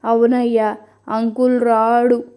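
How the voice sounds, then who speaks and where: A polite, motherly middle-aged woman, voiced by a woman storyteller, fairly high in pitch with a soft, mellow warmth. She sounds close to the narrator's own voice. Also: flat delivery, slow pace, clean tone. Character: middle-aged woman walking home alone from temple.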